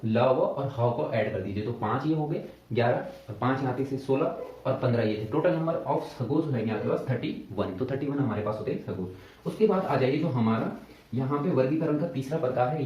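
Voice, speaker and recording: A man's voice: medium pitch, a little mellow, slight background noise. A male teacher explaining grammar step by step, often checking back with his students. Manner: explains step by step, repeating "ठीक है" and asking questions back. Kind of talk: exam-prep grammar lesson. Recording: echoey room, mic at a distance.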